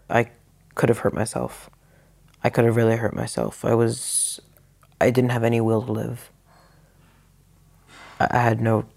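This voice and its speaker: In an interview, a man with a creaky, slightly mellow voice gives a candid personal testimony. His account is frank and reflective, delivered in a low-key way.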